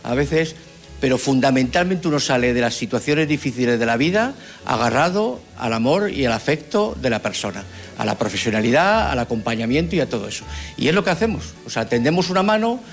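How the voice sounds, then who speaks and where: A man's voice: medium pitch, animated, fairly quick, soft background music. Earnest man giving interview answers. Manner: earnest, rambling with restarts.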